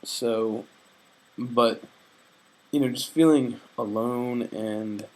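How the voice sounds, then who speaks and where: A young man records a casual video diary, speaking extremely slowly in a medium-pitched, fairly even, slightly mellow voice on a low-quality recording. He's hesitant, reflective and earnest, full of fillers and restarts, homesick and faith-minded.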